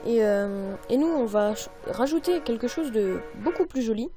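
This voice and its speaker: Woman, mellow slightly high voice, chatty tutorial narrator, upbeat. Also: lively intonation, normal speed, soft background music. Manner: chatty, many fillers, upbeat. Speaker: tutorial maker. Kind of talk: screen-recorded software tutorial.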